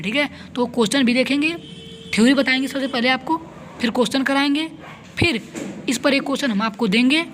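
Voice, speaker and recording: A man's voice: extremely high pitch, fairly bright tone, slight background noise. A male physics teacher giving a board-exam lesson with diagrams. He repeats each point, asks and answers his own questions, and keeps checking in with the students.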